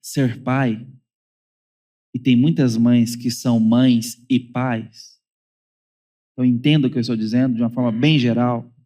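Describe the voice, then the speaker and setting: A pastor with a Brazilian Portuguese accent preaches a sermon full of wry humor and playful asides, even mimicking children's whining voices. His medium-pitched voice is dark and steady, delivered at a measured pace with long pauses.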